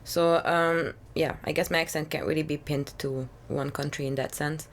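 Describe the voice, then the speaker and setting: Young woman from hungary, low voice, relaxed chatty guest, faint hiss. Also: moderate pace. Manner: relaxed, chatty, many fillers like "you know". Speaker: singer-songwriter guest. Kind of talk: casual interview chat.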